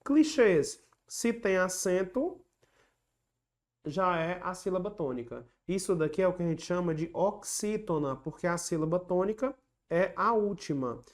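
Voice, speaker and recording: A patient teacher walking students through exam questions in an online lesson, saying each rule more than once. The voice sits at a middle pitch, and the delivery slips into chanted rhymes to make the rules stick. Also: animated, measured pace. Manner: patient and explanatory, repeats key rules; chants rhyming memory tricks.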